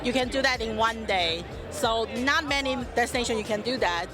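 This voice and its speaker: A woman's voice: on the high side, normal speed, crowd noise. Taiwanese-accented woman promoting travel. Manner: earnest, with frequent uhs. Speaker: tourism guest. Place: busy travel expo hall. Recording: noisy expo floor with music.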